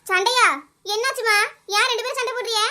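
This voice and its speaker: A woman's voice: extremely high pitch, steady tone, fast, pushed and bright. A woman voicing a nosy older neighbour with a Kanyakumari Tamil accent, questioning and teasing the others. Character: nosy elder-sister neighbour woman, meddling.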